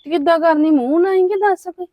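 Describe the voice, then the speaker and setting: A woman's voice: extremely high pitch, fast, warm tone, no echo. A young woman playing a blunt friend who quizzes and scolds her friend. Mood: quizzing. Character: blunt, nosy female friend.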